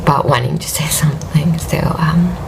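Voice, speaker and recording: In a casual vlog chat for her knitting podcast, a tired woman from Finland speaks with a Finnish accent and a worn voice, rambling hesitantly with plenty of fillers and soft laughs. Her low voice is creaky, with fairly even intonation at normal speed, and there is background noise.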